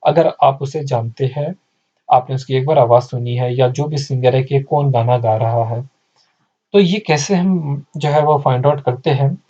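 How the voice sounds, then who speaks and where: A man's voice: medium pitch, fairly even intonation, normal speed, mellow, muffled recording. A male teacher giving an exam-prep lecture, who repeats his points and asks and answers his own questions, with terms mixed in.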